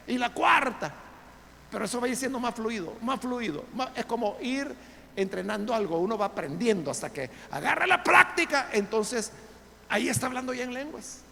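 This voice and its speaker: A male pastor delivers an emphatic sermon in a church, firing rhetorical questions at his listeners. His voice sits high and sounds bright and forceful, with a gravelly edge. The room leaves a long reverb tail, and faint ambience is heard behind him. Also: a little hiss or hum. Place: church sanctuary.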